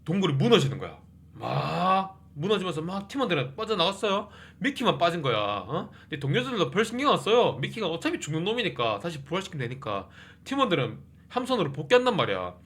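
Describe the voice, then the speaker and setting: Recap YouTuber, man, a bit high, very lively pitch, casual comic retelling with constant "eh?" tags. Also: fast. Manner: constant "eh?" and "hm?" interjections; acts out characters' lines.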